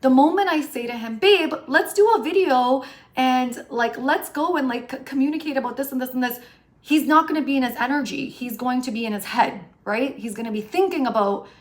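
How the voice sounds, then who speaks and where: A woman in her late thirties, a relationship coach, talking to her viewers in an animated, chatty way and often asking "right?". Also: sits high, a little fast. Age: 30s. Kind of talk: casual chat to camera.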